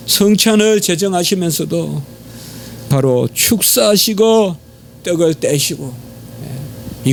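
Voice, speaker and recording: Gravelly Gyeongsang-accented pastor preaching. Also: male voice, a little hiss or hum. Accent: Gyeongsang Korean. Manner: emphatic, pitch leaps on exhortations, frequent "예" fillers. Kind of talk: sermon. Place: church sanctuary.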